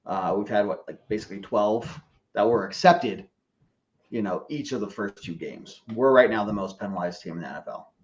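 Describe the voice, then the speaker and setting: A team fan appears as a guest on a sports podcast, offering casual, rambling football analysis full of hesitations and self-corrections. He speaks at a normal speed in a lowish voice, and the recording has its highs cut off.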